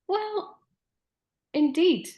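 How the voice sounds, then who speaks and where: A woman in her forties hosts a podcast conversation, her high-pitched voice carrying a darkish tone. She puts her questions forward in a hesitant, musing way.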